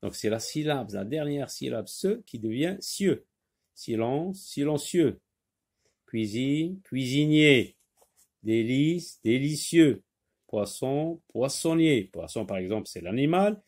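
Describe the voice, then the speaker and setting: Slow, deliberate male reading teacher. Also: mid-range voice, expressive, a little mellow. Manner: slow and deliberate, repeating each word and syllable. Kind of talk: French reading lesson.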